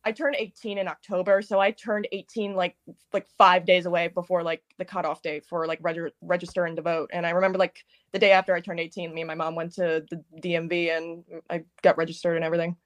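A woman's voice: on the low side, level tone, fast, no room sound. A woman in her twenties, a podcast guest, rambling with many fillers and giggles. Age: 20s. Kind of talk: casual chat.

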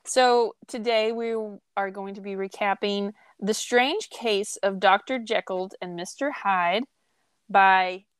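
A woman co-hosting a casual book chat podcast, chatty and excitable, often trailing off mid-sentence. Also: medium pitch, slow pace, clear, resonant tone, no echo. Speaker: podcast co-host.

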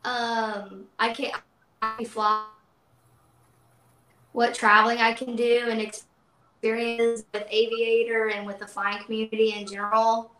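A woman's voice: fairly high pitch, level tone, measured pace, long pauses, fairly bright tone. A woman in a casual chat over a video call with a choppy connection that keeps breaking up, talking hesitantly and trailing off. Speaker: guest, new pilot. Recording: roomy video call audio.

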